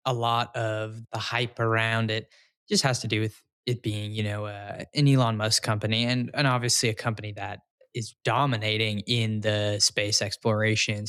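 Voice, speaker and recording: Smooth low-voiced man, calm advisor. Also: no echo, studio quality. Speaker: financial advisor. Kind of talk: casual radio talk show chat.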